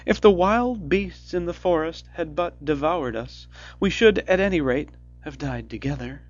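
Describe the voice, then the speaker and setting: A man's voice: a little high, expressive, a little slow, dry recording, pitched above the performer's own voice. A man voicing a frightened young girl who pleads tearfully in a storybook reading, with faint music behind. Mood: pleading. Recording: dull lo-fi recording with faint music.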